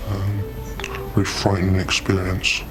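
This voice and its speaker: A man's voice comes through disguised and shifted very low, flat in pitch. He talks in halting, uneasy bursts with restarts, as a former soldier from Britain in a documentary interview. Music plays beneath him. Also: low-quality recording. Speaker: former soldier recounting a sighting.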